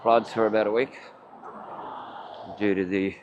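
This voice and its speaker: A muffled male voice, low in pitch, speaks through a face mask with an Australian accent. He rambles in a plain, casual way, like someone vlogging on foot. The audio is dull, with faint outdoor noise behind him. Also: level tone, a little slow, darkish tone. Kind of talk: casual rambling walking vlog. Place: outdoors, walking along town streets. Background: faint outdoor ambience.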